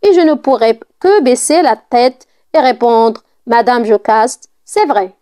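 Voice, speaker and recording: A woman's voice: a little high, measured pace, dark tone, natural voice. A woman reading a scolding old nurse. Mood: lamenting. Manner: scolding, indignant outbursts.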